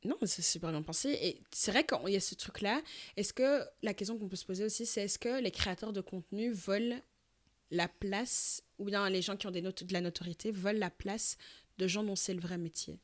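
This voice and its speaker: A woman co-hosting an easygoing podcast in a voice of ordinary pitch. She chats loosely and teasingly, slipping English phrases in between her sentences. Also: fairly quick. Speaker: podcast co-host. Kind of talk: casual chat.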